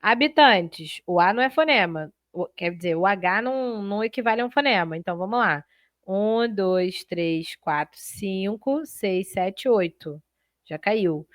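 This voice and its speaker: A woman teaches Portuguese in a live online exam-prep class, lively and chatty, talking straight to her students. Her voice sits in an ordinary middle range. The sound is close and dry, with no room around it. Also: medium pitch, measured pace, dry recording.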